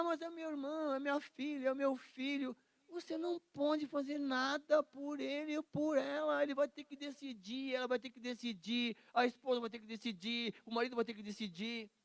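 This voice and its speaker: A man teaching an informal Bible class, animated and joking, acting out quotes. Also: very high voice, no echo. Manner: animated, acts out quotes, jokes and laughs.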